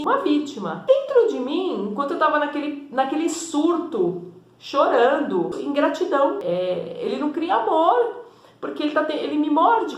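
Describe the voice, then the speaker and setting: A woman therapist giving a conversational, explanatory teaching talk, often checking in with tag questions. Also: high-pitched. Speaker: energy and spiritual therapist. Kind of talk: teaching monologue to camera. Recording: echoey room.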